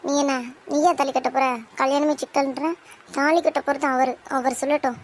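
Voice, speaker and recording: The high, clear voice of a young cartoon bride-to-be who stands up for her sister, voiced by a woman. She answers back sharply, with firm, cutting defiance and no fear of her elders. Faint noise sits behind her. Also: flat delivery, normal speed. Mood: defiant. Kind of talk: cartoon soap drama voice acting.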